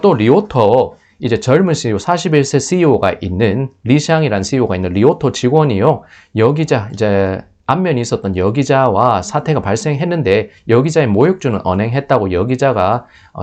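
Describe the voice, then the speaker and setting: A man's voice: mid-range voice, a little mellow. A man talks through finance news in a loose, unscripted way. He often stops partway through a word and starts it again, with filler sounds between thoughts. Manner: thinking aloud, with restarts and filler sounds. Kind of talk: spoken news commentary.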